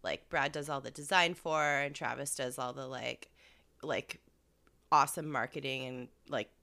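A woman's voice: rumbling low, steady tone, moderate pace, gravelly, bright, forceful tone. A woman podcast co-host chatting casually, her voice stuffy from a cold. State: sick with a cold.

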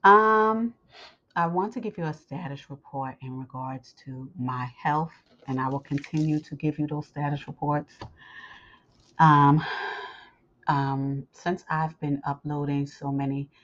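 A woman with a scratchy, sore, swollen-sounding throat, speaking haltingly and with effort as she gives her listeners an informal update as host. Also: deep voice, fairly even intonation, fairly bright tone. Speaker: host of Bible lessons. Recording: muffled, dull lo-fi sound.

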